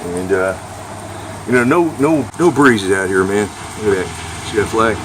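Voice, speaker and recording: A man with a lowish, animated voice rambles informally and with mild profanity at a moderate pace, showing off and reviewing radio gear like a casual show-and-tell vlog. Background noise is audible.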